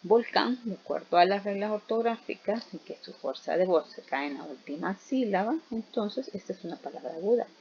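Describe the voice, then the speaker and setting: A woman's voice: medium pitch, animated, brisk, few pauses. A woman teacher giving a recorded grammar lesson, explaining step by step and asking rhetorical questions as she goes. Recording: dull, slightly noisy recording.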